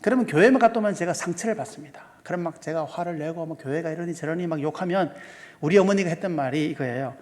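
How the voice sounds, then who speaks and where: This pastor has a slightly high, darkish voice and a quick pace as he gives a seminar sermon in a church sanctuary. He poses many questions to the congregation and goes through sums step by step, with long reverb from the hall.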